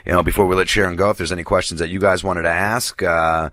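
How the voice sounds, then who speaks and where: Raspy-voiced man hosting a radio show. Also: low voice, level tone, fast talker, a bit bright, no room sound. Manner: loose, joking, crude banter. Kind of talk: casual radio interview.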